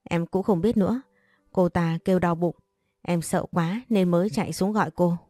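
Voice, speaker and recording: A woman reading as a timid, gentle young maid. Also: lowish voice, steady tone, normal speed, no echo, clean studio sound, close to an everyday voice.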